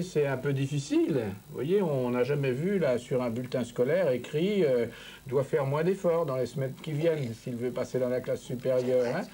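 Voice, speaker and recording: Man coaching a patient, animated pitch, mellow tone, faint room hiss. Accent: French. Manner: patient, encouraging, repeats "vous voyez" often. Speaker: speech therapist. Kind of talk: coaching a patient through voice exercises.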